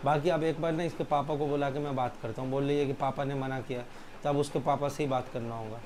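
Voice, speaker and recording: A man's voice: medium pitch, steady tone, quick pace, darkish tone, a little hiss or hum. A young man vlogging, pleading and apologizing to his partner during an argument. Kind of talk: pleading couple argument vlog.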